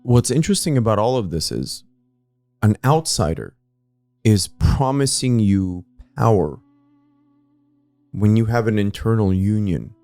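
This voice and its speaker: A man's voice: on the low side, expressive, a little slow, pauses often, dark tone, dry recording, soft background music. A man co-hosting a casual history podcast, pressing his argument with pointed questions and often cutting in. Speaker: podcast co-host.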